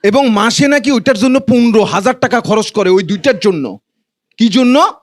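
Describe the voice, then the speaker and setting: A Bangladeshi man with a notably high voice performs stand-up comedy. He talks colloquially to a live audience and teases them as he goes. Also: animated, moderate pace. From Noakhali, Bangladesh. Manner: colloquial, teasing banter with the audience.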